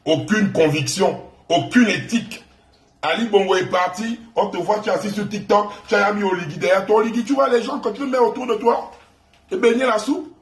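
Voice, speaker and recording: Gabonese guy ranting on a live, kinda high voice, mocking and taunting, echoey room. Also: brisk. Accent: Gabonese French. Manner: mocking, taunting, repeats insults. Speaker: online live host. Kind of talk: insulting livestream rant.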